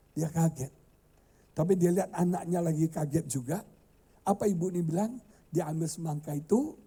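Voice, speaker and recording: A male pastor preaching a sermon and telling stories, swinging from loud high outbursts to hushed tones. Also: husky. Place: church hall.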